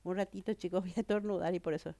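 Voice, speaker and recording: A woman's voice: lowish voice, steady tone, very fast, creaky, background noise. A woman teacher with a cold, explaining a grammar lesson and often checking that students follow. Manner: explanatory, checks understanding with "¿verdad?" and "¿mm?". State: has a cold.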